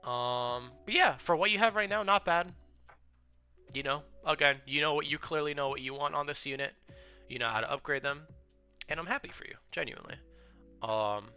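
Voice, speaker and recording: A young man streaming casual commentary on viewers' game builds, chatty and full of fillers, with excited outbursts. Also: a little high, normal speed, clean tone. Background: faint background music.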